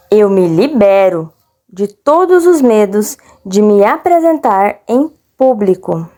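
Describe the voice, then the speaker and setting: A Brazilian woman leads a guided relaxation and affirmation script. Her delivery is markedly slow and deliberate. The tone is mellow and soothing, with phrases repeated in a measured way. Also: medium pitch. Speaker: guided meditation instructor.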